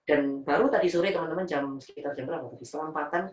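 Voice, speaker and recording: Fast-talking Javanese-accented male preacher, echoey room. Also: a little high, recorded from a distance, muffled recording, a little hiss or hum. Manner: emotional, animated storytelling, mixing in Javanese words. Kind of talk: personal story in a religious talk.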